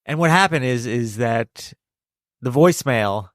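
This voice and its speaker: A man hosting a podcast, telling funny stories in a playful, animated way. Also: mid-range voice, measured pace, no room sound, clean studio sound. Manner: playful, animated storytelling with laughs. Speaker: podcast host. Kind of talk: casual comedic chat.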